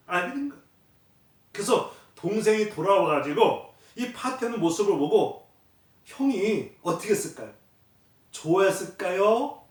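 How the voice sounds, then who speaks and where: Guy teaching bible class, high animated voice, asks himself questions then answers, repeats stuff. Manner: repeats key phrases. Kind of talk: classroom lecture. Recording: very echoey room, mic at a distance.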